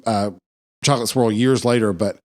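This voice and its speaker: A man's voice: lowish voice, fairly even intonation, normal speed, a little mellow. A man co-hosting a podcast in casual chat, talking hesitantly and repeating words as he searches for them. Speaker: podcast co-host.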